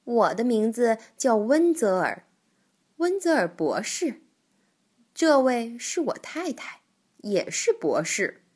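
A woman voicing a polite, scheming male stork in a children's storybook, smooth and coaxing. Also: on the high side, big pitch swings, slow, a little mellow, exaggerated voice. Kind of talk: storybook reading.

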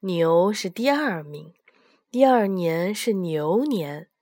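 A woman voicing a kind old male emperor of heaven in a storybook, making slow, grand pronouncements. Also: on the low side, animated, dark tone, no echo, clean studio sound, full character voice. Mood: pleased.

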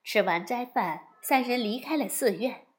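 A woman telling a classic story to young listeners in an expressive narration. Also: fairly high pitch. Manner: slow, expressive, lively storytelling.

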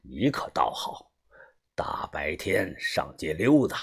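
Hushed, stern older gang boss for an audiobook, very low and breathy, voiced by a man. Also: very animated, slow pace, heavily acted. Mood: scolding. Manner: low, hushed, often whispering. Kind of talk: audiobook character voice.

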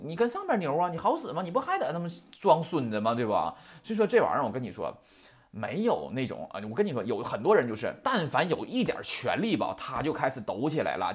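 A man teaching a Japanese vocabulary lesson in a chatty, heated way, full of rhetorical questions. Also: mid-range voice. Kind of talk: casual lecture with rants.

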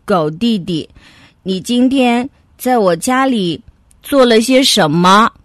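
A woman voicing a big, kindly male bear in a children's story, speaking deep and earnestly. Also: lively intonation, slow, dry recording, clean studio sound. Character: big kindly bear brother, easily upset.

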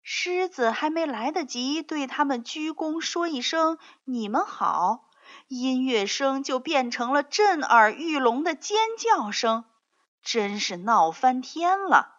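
Lady reading a kids picture book, slow and sing-songy, higher voice, dull lo-fi audio. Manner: slow, expressive storytelling. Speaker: storyteller. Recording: dull lo-fi recording.

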